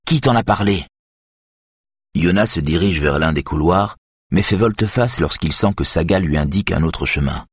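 Deep, husky male narrator for a thriller audiobook, measured and dry. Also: dry recording. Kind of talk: scripted narration.

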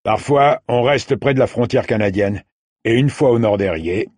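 A man's voice: medium pitch, normal speed, darkish tone, no room sound, clean studio sound, voice pushed up, lightly acted. A man voicing a male steamboat crewman, a sweaty stoker who explains things plainly and matter-of-factly. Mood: explaining.

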